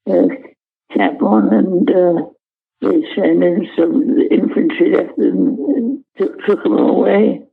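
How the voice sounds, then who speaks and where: An elderly man, a war veteran, remembering in an interview in a halting, understated, matter-of-fact way with searching pauses. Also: high-pitched, creaky, slightly rough, narrow, tinny audio. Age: elderly, 90s. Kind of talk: unscripted interview reminiscence.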